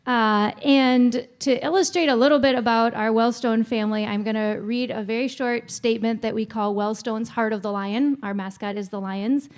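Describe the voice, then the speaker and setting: A woman's voice: a little high, fairly even intonation, normal speed, few pauses. A woman moderating a church panel discussion, speaking in a friendly, chatty way with small self-aware asides. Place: church hall. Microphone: handheld microphone.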